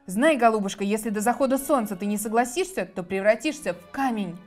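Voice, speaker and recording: A woman's voice: on the high side, brisk, darkish tone, soft background music, lightly acted. A woman voicing a wicked old male sorcerer who speaks with spite. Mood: menacing.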